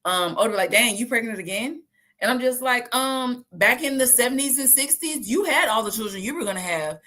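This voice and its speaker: A woman, talking casually and lively to her viewers and acting out the voices she quotes. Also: fairly high pitch, a little fast. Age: 30s. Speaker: host.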